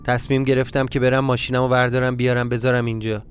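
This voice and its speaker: A man telling a dark first-person story in a tense, brooding inner-monologue manner. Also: medium pitch, little pitch movement, soft background music.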